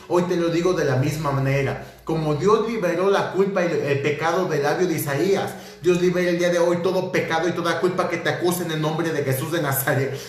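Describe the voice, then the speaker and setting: A man preaching a fervent sermon as pastor, repeating phrases and reading scripture aloud. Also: on the high side. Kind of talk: livestreamed sermon. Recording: very echoey room.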